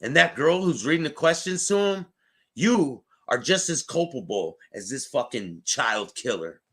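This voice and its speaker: Animated, bright-voiced angry man. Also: medium pitch, a little slow. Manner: angry, sarcastic, heavy swearing. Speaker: host reacting to clips. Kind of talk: profane reaction commentary.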